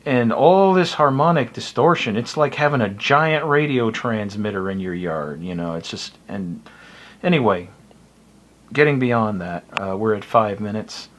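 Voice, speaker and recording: An American man, a hobbyist video presenter from the United States, gives an informal, unscripted tutorial. His fairly low voice is animated yet measured in pace, and he explains things plainly with some hesitancy. A little hiss or hum sits in the recording.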